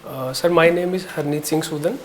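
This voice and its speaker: A young man from Jammu and Kashmir answering interview questions politely and deferentially, pausing often to gather his words. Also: fairly high pitch, slight background noise. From Jammu and Kashmir, India. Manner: polite, deferential, hesitant with many pauses. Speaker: interview candidate.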